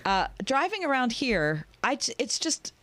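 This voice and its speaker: A woman's voice: high voice, sing-song, measured pace, fairly bright tone. A woman co-hosting a casual radio chat, giving opinions and exclaiming in reaction. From Pittsburgh area, USA. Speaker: radio co-host.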